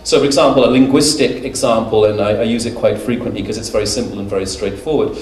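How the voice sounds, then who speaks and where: A man's voice: lowish voice, fairly even intonation, fast talker, darkish tone. Man, middle-aged, conference lecture, chatty and joking, echoey hall, distant mic, faint background noise. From United Kingdom. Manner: conversational and humorous, with anecdotes and fillers. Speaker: conference speaker.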